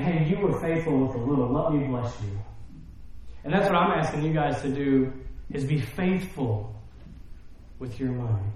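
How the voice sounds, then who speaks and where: A man preaching a sermon in a relaxed, conversational way, often checking in with his congregation. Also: mid-range voice. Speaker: pastor. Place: church sanctuary. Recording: very echoey hall.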